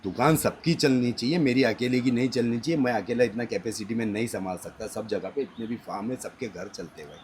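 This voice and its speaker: A man's voice: mid-range voice, brisk, few pauses, a little mellow, a little hiss or hum. A man with an Indian accent, a goat farm owner, talking casually in an interview on his farm, emphatic and insistent in short clipped phrases.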